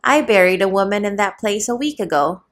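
A woman's voice: mid-range voice, animated, brisk, close to an everyday voice. A woman reading a novel aloud and voicing a lazy, sly male gravedigger who talks in an offhand, half-jesting way.

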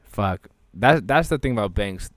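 Young male podcast co-host, lowish voice, swears a lot, laughs through his stories, dry close mic. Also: moderate pace, dry recording. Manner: profane, laughing, animated storyteller. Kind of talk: casual chat.

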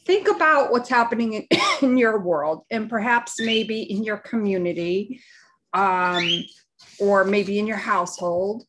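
A woman co-hosting a live podcast, giving unscripted opinions in a halting, deliberate way as she searches for words. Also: medium pitch, a bit bright, poor audio. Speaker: live show and podcast co-host.

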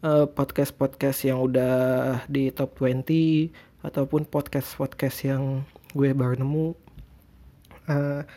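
Slightly high and mellow, a man's voice carries his solo podcast as he rambles casually and hesitantly, often putting himself down. A speech impediment keeps him from saying r cleanly (cadel).

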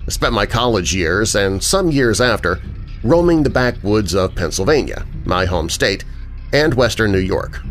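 Low-voiced man narrating a dark story. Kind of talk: scripted horror story narration.

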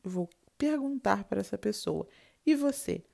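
A woman's voice: medium pitch, expressive, moderate pace, creaky, mellow. A Brazilian woman with a Brazilian Portuguese accent, teaching a French lesson, explaining patiently, recapping and modeling short dialogue lines. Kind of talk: online language lesson.

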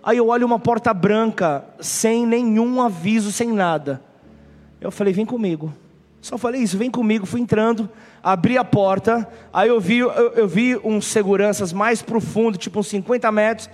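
A man's voice: high voice, normal speed, long reverb tail. A man with a Brazilian Portuguese accent, a pastor telling a funny story in a sermon. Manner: humorous animated storytelling.

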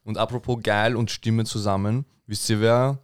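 A man's voice: on the low side, little pitch movement, normal speed, clear, resonant tone, dry recording, clean studio sound. A young man, a co-host in casual podcast chat, blunt and slangy.

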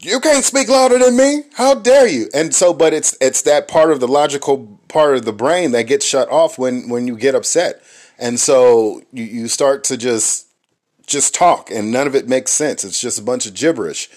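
A man's voice: mid-range voice, normal speed, darkish tone. A man co-hosting a talk about marriage, speaking thoughtfully with frequent ums and restarts. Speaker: married co-host. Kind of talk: reflective casual talk.

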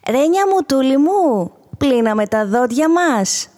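A woman's voice: sits high, lively intonation, darkish tone, long reverb tail, pitched above the performer's own voice. A woman voicing a cheerful bedtime hostess for a children's story, singsong and exaggeratedly sweet.

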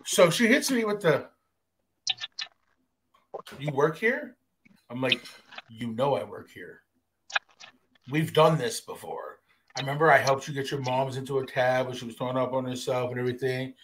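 A man with a mid-range voice hosts a casual podcast, talking fairly quickly over background noise. He animatedly tells a profane story full of slang, slipping into mock voices and accents.

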